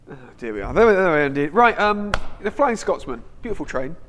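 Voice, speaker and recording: A man co-hosting a casual live stream, jokey and animated, reading out viewer comments. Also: high-pitched, fairly quick, slight background noise. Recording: long hall reverb.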